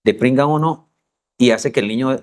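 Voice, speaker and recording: A man's voice: mid-range voice, a little fast. A Colombian man teaching a church parenting class, explaining through a family story with acted quotes.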